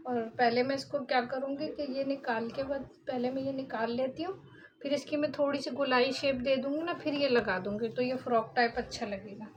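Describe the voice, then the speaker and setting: A woman's voice: high-pitched, steady tone, brisk, slight background noise. A middle-aged woman explaining a sewing cut step by step in a casual tutorial, often checking in with her listener. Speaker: sewing instructor. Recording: dull lo-fi sound.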